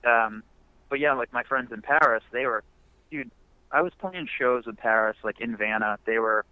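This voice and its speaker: A young male musician, a guest on a phone interview, chats casually in a laid-back, rambling way packed with fillers. His voice is mid-range and moderately paced, with no echo. The audio comes through a phone line and sounds muffled.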